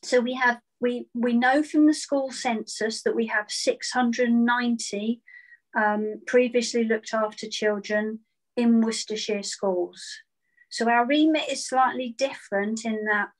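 A woman's voice: on the high side, fairly even intonation, measured pace, poor audio. A woman, a school head, answering interview questions earnestly on a video call and often repeating words as she starts a thought. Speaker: virtual school head teacher. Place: indoor room at home.

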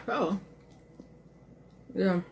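A middle-aged woman talks to her viewers while she eats, her mouth partly full. Her voice sits at a middle pitch, and she rambles loosely from one thought to the next. She is recorded on a phone camera at home, with a faint hiss of noise behind her. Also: very slow, vocal fry, a little mellow. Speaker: eating-show vlogger. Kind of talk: casual chat while eating.

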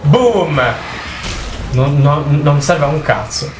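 A young man giving jokey, excitable let's play commentary while he plays, swearing often. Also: a little high, takes it slowly, music in the background. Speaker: gaming video host. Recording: roomy with faint noise.

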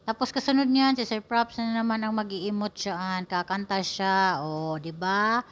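Slow, teasing woman narrating a clip. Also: mid-range voice, steady tone, lo-fi sound. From Philippines. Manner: playful, teasing running commentary to viewers. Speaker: vlogger narrating a video. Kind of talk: casual voice-over commentary.

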